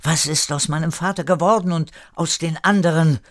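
A man's voice: fairly high pitch, fairly even intonation, normal speed, no echo, studio quality, pitched above the performer's own voice, lightly acted. Erik, an anxious young man, as a grandfather puts him on. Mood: pleading. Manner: urgent, pleading questions.

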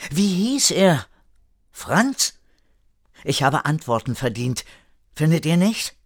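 Erik is a worried young man whose voice climbs high and urgent as he demands answers about his family. An older storyteller acts him out. Each question is pressed hard, with a close, dry sound. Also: big pitch swings, slow pace, dry recording, heavily acted. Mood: insistent.

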